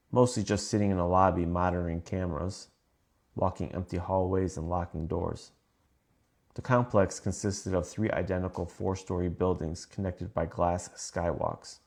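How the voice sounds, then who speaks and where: A man reading scripted first-person horror stories in a calm, measured way. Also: low voice, creaky. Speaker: narrator.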